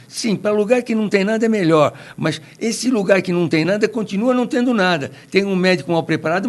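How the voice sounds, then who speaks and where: A Brazilian man with a notably high voice holds forth on a podcast panel. He is opinionated and digressive, and he winds through anecdotes to make his argument. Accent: Brazilian Portuguese. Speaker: podcast commentator.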